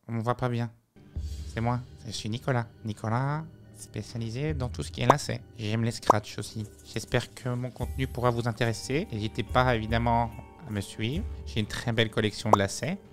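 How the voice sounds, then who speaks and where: A man voicing an earnest, nerdy male collector who lists items in a formal, monotone way. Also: mid-range voice, lightly acted.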